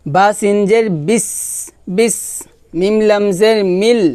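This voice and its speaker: A man leads a recitation lesson in a smooth, clear voice, spelling every syllable so students can repeat after him. He stretches the verses into a slow, measured chant, then drops into quick, plain explanation. The sound is close and dry. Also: sits high, steady tone, darkish tone, no echo. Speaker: Quran recitation teacher.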